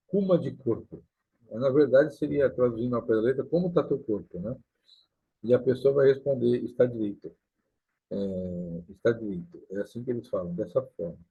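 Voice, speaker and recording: A Brazilian man, a pastor, talking casually to the camera and explaining things slowly, often adding "né?" at the end. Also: mid-range voice, creaky, slightly rough. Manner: explains slowly with many "né?" tags. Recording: tinny lo-fi sound.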